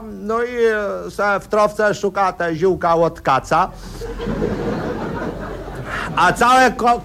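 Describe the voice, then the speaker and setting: A man spins a satirical tale in a rambling, folksy way. His voice sits high, and his talk is thick with fillers. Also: fairly bright tone, slight background noise. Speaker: comic storyteller. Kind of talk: satirical radio monologue.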